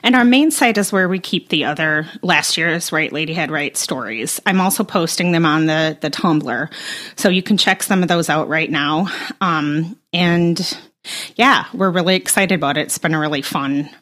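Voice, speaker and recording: A woman in her forties co-hosting a podcast, talking in a relaxed, chatty way. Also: sits low, moderate pace. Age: 40s. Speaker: podcast co-host. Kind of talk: casual chat.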